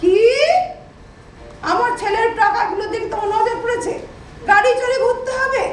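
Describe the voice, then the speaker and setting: A cranky, hard-of-hearing mother-in-law answers sharply in a very high voice. The voice sounds far off in a booming auditorium, with faint noise behind it. It comes across as a stage comedy recorded from the house. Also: normal speed. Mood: confused. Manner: querulous, confused, sharp-tongued. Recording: echoey hall from far off.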